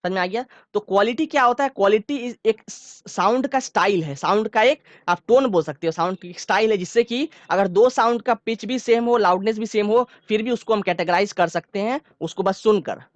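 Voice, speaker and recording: Fast-talking male science teacher. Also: high voice, no room sound. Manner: explains step by step, asks if students understood; informal, repeats key phrases. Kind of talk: online classroom lecture.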